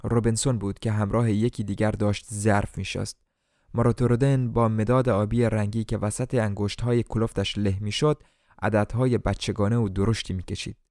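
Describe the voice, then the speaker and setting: A man from Iran reading a novel aloud as an audiobook, switching between formal narration and lively voices for the characters. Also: fairly low pitch, no room sound, clean studio sound. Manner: colloquial Tehran-style speech in dialogue, formal literary narration. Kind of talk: audiobook narration with acted dialogue.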